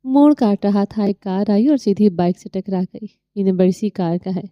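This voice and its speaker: A woman voicing a calm, teasing young man lying injured in a hospital in an audio novel. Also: mid-range voice, no room sound, lo-fi sound, natural voice. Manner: playful, calm.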